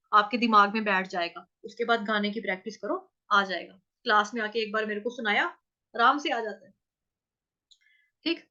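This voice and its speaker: A woman teaching verse pronunciation in an online class, patiently sounding out each syllable slowly. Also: fairly high pitch, bright, forceful tone, lo-fi sound. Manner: patient, drawn-out syllable-by-syllable demonstration. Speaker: Sanskrit recitation teacher.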